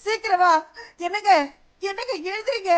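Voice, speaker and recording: A woman's voice: extremely high pitch, moderate pace, a bit bright. An actress playing a frantic wife who cries and pleads as she tries to wake her fainted husband, in a TV serial. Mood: panicked crying. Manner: crying, pleading, repeating herself. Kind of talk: TV serial acting.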